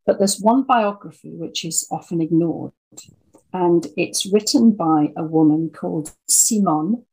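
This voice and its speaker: Heard on poor audio, a Birmingham-born audio drama writer aged 60 or more chats and tells stories as an interview guest. Her English Midlands voice sits on the low side, a little mellow and slightly rough, and she keeps a measured pace.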